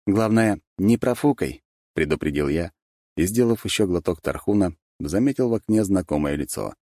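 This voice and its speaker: Gravelly, lively male narrator. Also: sits low, fairly quick, no echo, studio quality. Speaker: audiobook narrator. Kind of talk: first-person scripted narration.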